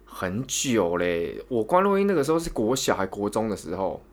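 A man's voice: on the low side, normal speed. A young man with a Taiwanese Mandarin accent, casually telling a long story on a podcast, rambling and repeating words as he goes. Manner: rambling, repeats words, animated when retelling. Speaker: podcast co-host.

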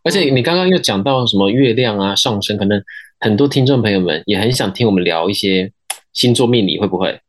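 A woman's voice: extremely low pitch, expressive, quick pace. A woman with a Taiwanese accent co-hosting a casual podcast, chatting in a joking manner. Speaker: podcast co-host.

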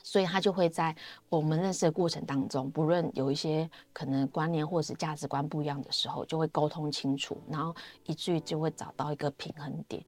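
A woman's voice: sits low, fairly even intonation, a little fast, darkish tone, no echo, faint music behind. A woman with a Taiwanese Mandarin accent sharing her personal faith testimony in a chatty, storytelling way, often trailing off with fillers.

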